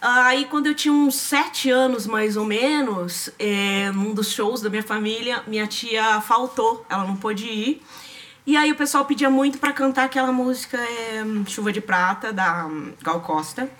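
Brazilian girl, high bright voice, laughs a lot while telling stories, slangy and animated. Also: moderate pace. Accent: Brazilian Portuguese. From Brazil, São José dos Campos. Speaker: singer guest. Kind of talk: casual storytelling chat.

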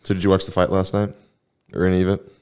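A man's voice: sits low, flat delivery, fast talker, darkish tone, smooth. A man hosting a podcast, chatting casually and telling rambling stories in a laid-back way. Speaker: podcast host. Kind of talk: casual chat.

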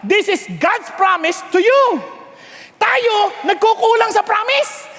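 A male preacher giving a sermon, telling stories and swinging from hushed tones to shouting, with English phrases mixed in. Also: very high-pitched, slow. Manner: mixes English phrases into the talk. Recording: long hall reverb.

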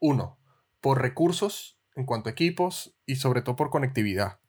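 A man's voice: mid-range voice, normal speed. A Venezuelan man co-hosting a casual, jokey podcast chat. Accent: Venezuelan Spanish. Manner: relaxed, jokey, laughs often. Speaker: podcast co-host.

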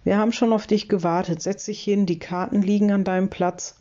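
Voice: mid-range voice, fairly even intonation, brisk, mellow, lo-fi sound, lightly acted. A reader voicing a stern mother in a children's audiobook. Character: strict mother.

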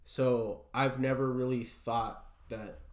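A young man being interviewed, telling a personal story in a halting way full of fillers. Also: medium pitch, little pitch movement. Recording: roomy echo.

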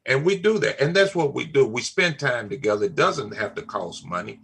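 A man's voice: mid-range voice, expressive, a little fast, gravelly, fairly bright tone, slightly rough. An older man, talking in a casual family chat, emphatic and repeating his key phrases. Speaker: father on a family talk show.

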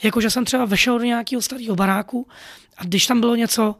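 A man's voice: very high voice, steady tone, gravelly, a bit bright, dry recording, clean studio sound. A man telling a personal story in an earnest, rambling way, full of fillers. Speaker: podcast storyteller.

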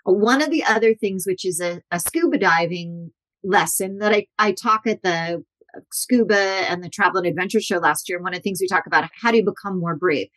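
A woman in her forties, a guest in an interview, telling lively anecdotes and acting out the people she quotes. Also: fairly low pitch, fairly quick. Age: 40s. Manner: animated, acts out quotes with shifting voices. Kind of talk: storytelling interview.

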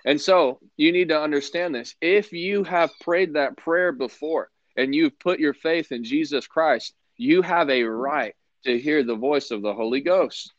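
A man's voice: fairly high pitch, unhurried, hardly any pauses, no echo, muffled recording. Earnest male live-stream preacher. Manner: earnest and conversational, quoting scripture. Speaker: preacher hosting a live broadcast.

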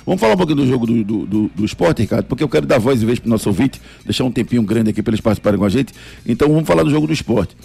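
A man from Pernambuco hosting sports radio, teasing his co-host in quick casual banter. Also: medium pitch, animated, vocal fry, warm tone, slightly rough. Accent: Pernambuco Portuguese. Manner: teasing, quick, mock-indignant.

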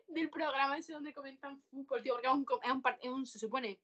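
A woman's voice: high-pitched, quick pace, a bit bright. A young woman co-hosting a casual podcast from her bedroom, giggly and slangy with sudden dramatic outbursts. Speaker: podcast co-host. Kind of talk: casual chat. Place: her own bedroom, remote.

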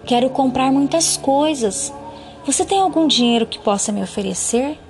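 A woman's voice: sits high, lively intonation, normal speed, a little mellow. A woman voicing a needy boy in a storybook who grows into a tired old man, speaking in a demanding, weary way.

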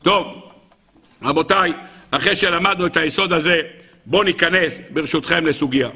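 High, husky-voiced man preaching. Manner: animated preaching, rhetorical questions, addresses listeners as "rabbotai". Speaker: rabbi. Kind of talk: Torah lecture.

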